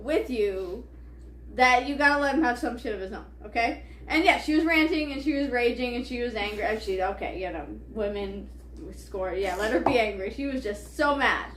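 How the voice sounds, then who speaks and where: A woman's voice: a little high, moderate pace. A woman co-hosting a casual chat podcast, swearing freely and laughing through her stories. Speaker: podcast co-host. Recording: echoey room with faint hiss.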